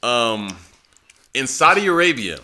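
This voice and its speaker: A man's voice: medium pitch, very animated, a little slow, a crowd in the background. A man co-hosting a podcast in casual chat, swearing and laughing often. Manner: loose, profane, laughing often. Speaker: podcast co-host.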